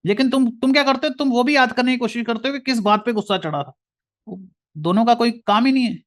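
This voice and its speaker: A man's voice: very high voice, fast. A man with an Indian accent giving an earnest lecture, often calling the listener brother. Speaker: motivational speaker.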